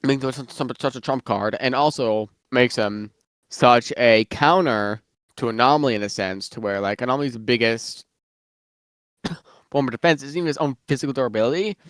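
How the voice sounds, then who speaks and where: A man's voice: mid-range voice, moderate pace, a bit bright, dry recording. Male, casual rambler, slightly muffled from eating, dry close recording. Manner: rambling, many fillers and restarts. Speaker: guest worldbuilder. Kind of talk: casual chat about fictional lore.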